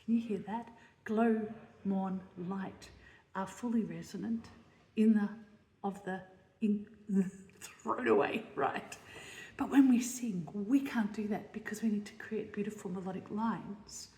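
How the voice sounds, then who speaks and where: A woman's voice: medium pitch, a little slow, dark tone. A woman composer giving a lesson on setting words to music, explaining her ideas as she thinks them through and often checking in with her listeners. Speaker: composer teaching text setting. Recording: roomy space with long reverb.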